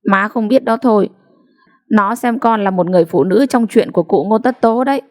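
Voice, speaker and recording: A woman voicing a quick-tempered young wife who answers back sharply and indignantly. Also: mid-range voice, a little mellow, natural voice.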